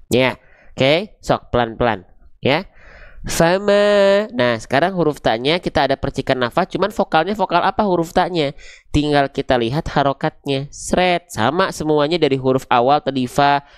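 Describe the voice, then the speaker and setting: A man teaching Quran recitation, patiently repeating and drilling syllables slowly. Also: mid-range voice, clean tone, dry recording, studio quality. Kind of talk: online pronunciation lesson.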